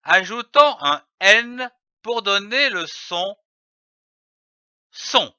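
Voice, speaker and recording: A man's voice: high-pitched, lively intonation, extremely slow, bright, forceful tone, clean tone, no room sound. A man teaching early reading, spelling out letters and syllables one by one with careful over-articulation. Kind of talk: slow didactic phonics lesson. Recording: dull lo-fi dry recording.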